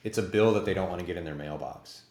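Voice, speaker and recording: A man's voice: low voice, quick pace, a little mellow, roomy sound. A man in his forties hosting an interview show, chatting in a rambling, self-deprecating way. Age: 40s. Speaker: podcast host. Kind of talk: casual interview chat.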